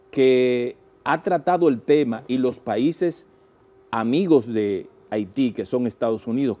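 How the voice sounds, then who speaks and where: A man with a Caribbean Spanish accent from the Dominican Republic explains his views as an interview guest, deliberately, phrase by phrase. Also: medium pitch, dark tone. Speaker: guest political analyst and journalist.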